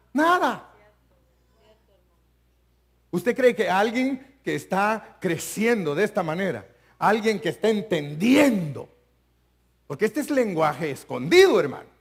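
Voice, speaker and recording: An older man preaches from the pulpit of a church, his fairly high voice leaping up and down with lively intonation. He keeps calling his congregation brother and sometimes rises to a shout. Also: vocal fry, husky. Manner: animated preaching, constantly addressing listeners as brother, bursts into shouting. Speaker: pastor. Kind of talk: live church sermon. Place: church sanctuary.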